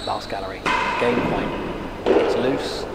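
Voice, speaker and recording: A man's voice: on the low side, slow, vocal fry. A man giving casual live sports commentary in clipped calls and matey analysis. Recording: very noisy court ambience, ball bounces.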